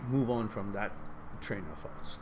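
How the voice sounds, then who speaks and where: A man's voice: fairly low pitch, fairly even intonation, unhurried, background noise. Man giving reflective live advice. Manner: reflective, gives advice, reads out viewers' chat messages. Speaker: host of a live Q&A stream. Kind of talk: casual live advice talk.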